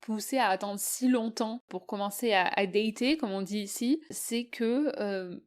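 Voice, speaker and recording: Speaking a little slowly at medium pitch, this podcast host from southeast France keeps things friendly and conversational. She talks casually and hesitates often.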